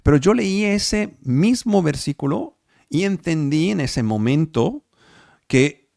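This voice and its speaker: Speaking slowly and expressively with a fairly high, slightly mellow voice and some vocal fry, a man preaches and teaches the Bible by video call from home for an online service. Spanish is his second language, and he repeats words for emphasis and keeps checking in with listeners. The studio-quality audio has no echo.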